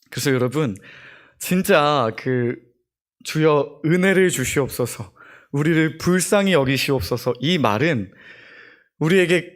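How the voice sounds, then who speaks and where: A young man, a junior pastor, preaching a sermon and acting out the prayers he quotes. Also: fairly high pitch.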